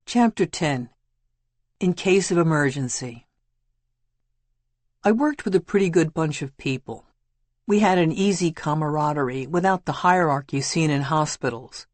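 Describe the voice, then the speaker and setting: A woman reading a memoir audiobook in a measured, matter-of-fact way. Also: sits low, darkish tone, no echo. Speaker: audiobook narrator. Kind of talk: scripted memoir narration.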